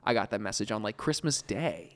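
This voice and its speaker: A man's voice: on the low side, lively intonation, a little fast, long reverb tail, very noisy. A man co-hosting a podcast, telling a story in casual, rambling chat. He swears freely and laughs his way through it. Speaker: podcast co-host.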